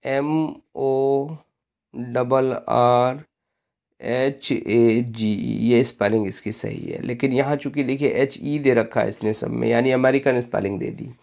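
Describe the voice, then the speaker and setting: A male English teacher leads an exam-prep spelling lesson at an unhurried pace. His voice has a gravelly fry to it. He spells words out letter by letter, deliberately, and keeps addressing his students as friends. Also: medium pitch, fairly even intonation, darkish tone.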